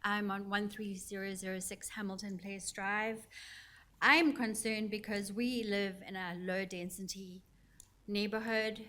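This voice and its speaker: A woman's voice: medium pitch, fairly bright tone, slight background noise. A woman with a South African accent speaking as a resident at a county council public hearing, earnest and concerned. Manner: earnest, concerned, with small laughs. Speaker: resident giving public comment. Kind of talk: public comment at a council meeting.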